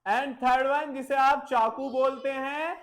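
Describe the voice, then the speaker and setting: Very slow, patient male teacher. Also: very high-pitched, steady tone, fairly bright tone. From India. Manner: slow, repeats and spells words letter by letter. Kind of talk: classroom vocabulary lesson.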